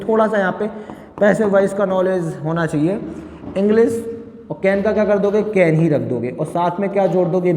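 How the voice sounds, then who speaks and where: Male grammar tutor, high voice, quizzing and self-answering, slow on examples; boomy room with long reverb. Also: darkish tone, slight background noise. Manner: asks the class questions and answers them himself, checks with "clear?"; reads example sentences slowly and deliberately. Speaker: English grammar teacher. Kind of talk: exam-prep grammar lesson.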